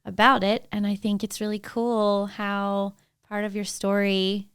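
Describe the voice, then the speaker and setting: A woman's voice: mid-range voice, flat delivery, a little slow, a bit bright, clean tone, dry recording, studio quality. A woman hosting an interview podcast, upbeat and enthusiastic in casual chat. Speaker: podcast host.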